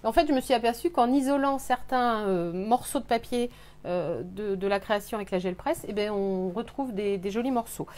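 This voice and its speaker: A woman hosting a live scrapbooking workshop, explaining techniques with many pauses and fillers. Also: mid-range voice, darkish tone. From France. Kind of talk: live craft demonstration. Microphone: webcam on a live stream.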